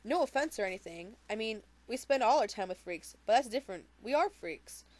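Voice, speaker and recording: A woman's voice: fairly high pitch, expressive, brisk, close to an everyday voice. Sydney, a woman reading as a wisecracking teen girl. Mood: wry. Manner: joking, rambling with restarts. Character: wisecracking, shaky teenage girl in treatment.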